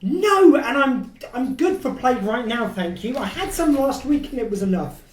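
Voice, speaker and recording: A woman voicing a cheeky, fast-talking male time traveller who jokes breezily. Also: on the high side, animated, recorded from a distance, pitched above the performer's own voice, natural voice. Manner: breezy, joking, fast talk. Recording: echoey room, a little off-mic.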